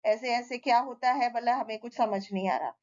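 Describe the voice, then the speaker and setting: An anxious father frets and explains, as a woman reading a story aloud puts him on. Her voice sits fairly high, and the recording is a little muffled and lo-fi. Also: a little fast, darkish tone, natural voice. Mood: worried. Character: worried father of a sick boy. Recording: slightly dull lo-fi recording.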